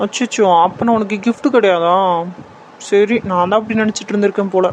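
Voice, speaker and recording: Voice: mid-range voice, fairly even intonation, fast, a little hiss or hum, natural voice, rough recording. A voice actor playing an affectionate young man who fondly teases and scolds his sweetheart in a cartoon story. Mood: playful. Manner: teasing, calls her silly fondly. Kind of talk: cartoon voice acting.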